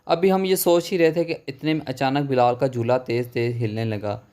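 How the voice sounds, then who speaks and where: A man narrating a horror story in a steady, even storytelling voice. His pitch sits at an ordinary middle level for a man.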